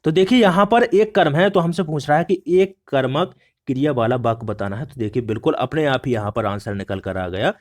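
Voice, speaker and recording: In this exam prep lesson, a man from India with a mid-range voice talks fairly quickly. He breaks down exam questions one step at a time, saying "look" again and again as he walks through every answer.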